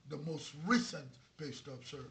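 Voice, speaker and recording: A man acts a skeptical immigration officer in a comedy sketch. His voice is fairly high and gravelly, and he questions formally and insistently. There is faint noise behind him. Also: expressive, moderate pace, fairly bright tone. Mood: firm, polite.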